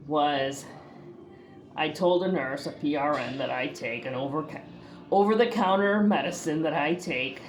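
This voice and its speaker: A woman's voice: sits low, slight background noise. A woman from the northeastern US talking casually to her camera in a chatty, rambling way, full of fillers and restarts. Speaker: vlogger.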